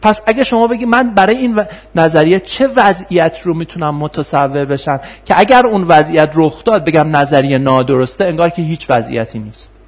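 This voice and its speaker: A man lecturing in a classroom on philosophy of science, explaining with rhetorical questions and filler pauses. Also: on the high side.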